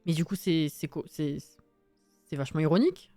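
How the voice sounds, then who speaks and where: A woman's voice: deep voice, expressive, fairly quick, mellow, dry recording, soft background music. A young woman chatting casually on a live stream while building in a game, reading chat aloud, swearing and laughing often.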